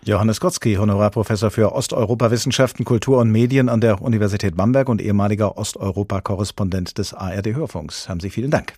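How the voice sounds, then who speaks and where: A man presenting a radio culture program in a measured way. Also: fairly low pitch, a little mellow, breathy edge, dry recording, clean studio sound. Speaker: radio host.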